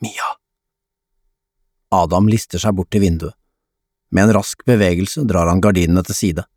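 Male audiobook narrator, lowish voice, calm storytelling, dry close recording. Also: dry recording. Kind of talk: scripted narration.

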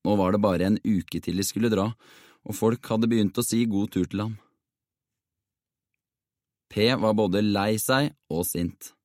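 Low-voiced male audiobook narrator. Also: long pauses, a little mellow, no echo, clean studio sound.

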